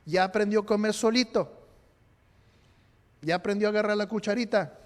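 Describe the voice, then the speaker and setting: A man's voice: sits high, moderate pace. A man preaching a sermon in a church, joking and quizzing his congregation. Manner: playful, jokes and quizzes the congregation. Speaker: pastor. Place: church sanctuary. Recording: long church hall reverb.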